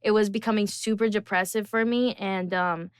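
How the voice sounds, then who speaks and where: A woman's voice: mid-range voice, steady tone, moderate pace, clean tone, dry recording, studio quality. A young woman from Brazil, a singer chatting as an interview guest in a bubbly, rambling way with many fillers. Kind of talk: casual interview chat.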